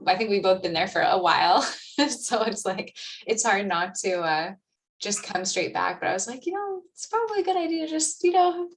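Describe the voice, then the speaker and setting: A woman's voice: medium pitch, lively intonation, normal speed, far from the mic, a little hiss or hum. A young woman hosting a meeting, chatting casually and laughing, with plenty of fillers. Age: young adult. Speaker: meeting host. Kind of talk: casual video-call chat. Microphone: video call.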